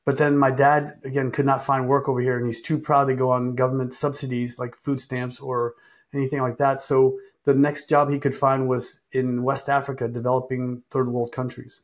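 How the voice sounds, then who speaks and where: A man in his fifties from Vietnam, a guest answering interview questions in a soft-spoken, earnest way over a video call. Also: mid-range voice. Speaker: political candidate guest.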